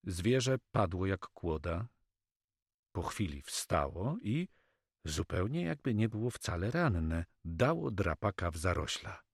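A man narrating an adventure story as an audiobook reader, with steady storytelling delivery. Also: deep voice, slow pace, slightly rough, no room sound, clean studio sound.

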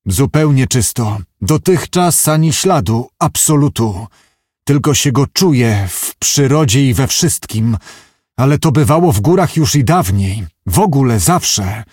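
A man's voice: mid-range voice, animated, a little slow, a little mellow, breathy edge, dry recording, studio quality. A man reading an audiobook, voicing an earnest, brooding man who muses and argues at length. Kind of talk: audiobook character voice.

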